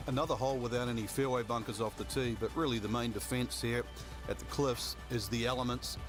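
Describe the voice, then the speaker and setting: A man's voice: medium pitch, steady tone, fairly quick, music in the background, lightly acted. A man giving golf commentary as an analyst, explaining the course.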